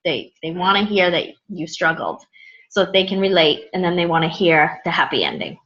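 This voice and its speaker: A woman's voice: on the low side, animated, fairly quick, a bit bright. A woman hosting an online group call in a casual, informal, emphatic way with loosely wandering sentences. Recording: muffled lo-fi online call audio.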